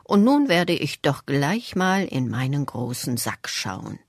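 A reader growling as a gruff Santa Claus man. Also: mid-range voice, sing-song, slow pace, dry recording, studio quality. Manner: growling disguised voice.

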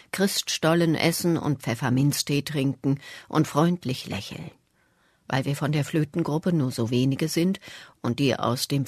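An adult reader giving a measured first-person storybook narration. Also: mid-range voice, slightly rough, dry recording, studio quality. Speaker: audiobook reader.

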